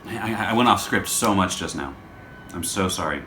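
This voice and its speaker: This man's low voice carries lively intonation and a bright, forceful tone at a moderate pace. Hosting his show from a hotel room, he rambles to camera in a casual unscripted vlog, introspective and self-deprecating. Someone else holds the camera, and the echoey room has faint background noise.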